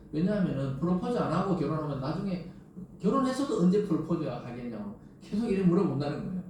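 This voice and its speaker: A middle-aged male pastor from the Gyeongsang region with a Gyeongsang accent, preaching a sermon in a conversational, lively way full of rhetorical questions. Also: medium pitch, slight background noise. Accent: Gyeongsang Korean. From Gyeongsang region of Korea. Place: large church sanctuary. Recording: very echoey church hall from a distance.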